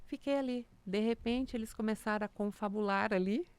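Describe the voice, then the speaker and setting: Mulher contadora animada, voz limpa e seca. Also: female voice, medium pitch, brisk, clear, resonant tone, no room sound. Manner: animated storyteller acting out quotes, many "né?" tags. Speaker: music teacher for small children, podcast guest. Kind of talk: casual storytelling chat.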